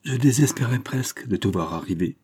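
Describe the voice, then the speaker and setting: A man's voice: mid-range voice, animated, a little fast, a little mellow, slightly rough, voice pushed up. A man reading aloud, voicing a desperate male lover who pleads urgently. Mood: coaxing.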